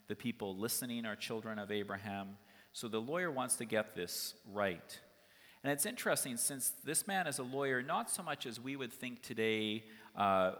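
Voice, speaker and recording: A man delivers a sermon from the pulpit, his voice sitting a little low. He talks through the story in a relaxed, conversational way, sometimes stopping on an "uh". The church around him adds a long, ringing reverb. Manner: conversational, storytelling, with occasional fillers. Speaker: pastor. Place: church sanctuary.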